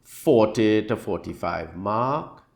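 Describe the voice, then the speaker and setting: Gravelly-voiced man explaining scripture. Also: on the low side, expressive, takes it slowly, darkish tone. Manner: plain teaching, repeats phrases to explain. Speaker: preacher. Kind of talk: daily devotional scripture reflection.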